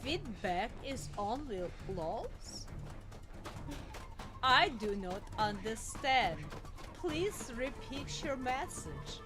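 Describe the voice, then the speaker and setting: A woman streamer doing a stiff robot voice while commenting on a game, with flat, formal machine-like phrasing. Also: on the high side, drawn-out words, music in the background, full character voice. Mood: stiff robotic.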